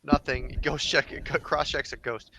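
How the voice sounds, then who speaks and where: A man's voice: fairly high pitch, fairly even intonation, vocal fry, crowd noise. A man co-hosting a casual podcast, jumping in with jokey quips about a movie. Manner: jokey, quick interjections. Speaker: podcast co-host. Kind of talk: casual movie review chat.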